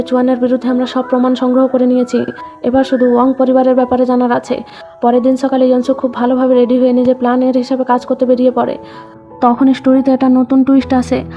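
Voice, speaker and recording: A woman narrating a drama recap in a scripted storytelling read, voicing the quoted lines in her same even narrating voice. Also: high-pitched. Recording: dull lo-fi voice-over with background music.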